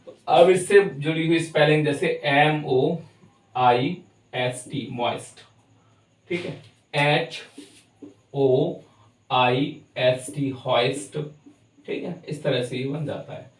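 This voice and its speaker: A man teaching English pronunciation, spelling words out letter by letter and then saying them slowly, with an Indian English accent. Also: a little high. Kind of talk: explaining lesson. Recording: echoey room, far from the mic.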